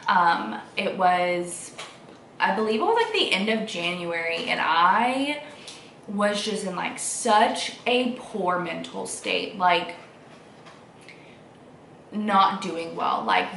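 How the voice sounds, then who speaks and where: This young woman, a vlogger with a small child, talks to the camera from home in a loose, rambling way. Her medium-pitched voice has vocal fry and a bright, forceful tone, a bit congested, and the far-off mic adds room echo and light noise.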